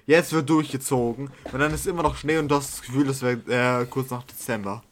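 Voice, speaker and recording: A man's voice: mid-range voice, steady tone, fairly quick, slight background noise. A young man in casual chat with friends, rambling with fillers, slang and swearing.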